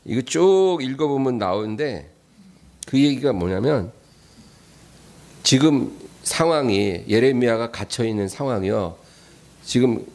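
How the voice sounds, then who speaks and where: A man's voice: medium pitch, darkish tone. A man preaching a weekday sermon as a pastor, emphatic and repetitive, turning often to address the congregation directly. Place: church.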